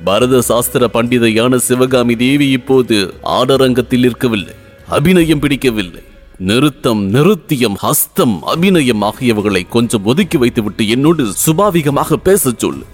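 A man reading aloud voices a young crown prince who speaks briskly, teasing by turns and then pleading. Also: medium pitch, animated, soft background music, natural voice. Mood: chiding.

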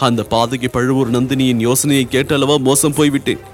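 A man's voice: medium pitch, steady tone, brisk, soft background music, lightly acted. A man voicing a grieving young noblewoman who pleads through sobs. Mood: pleading. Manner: sobbing, imploring.

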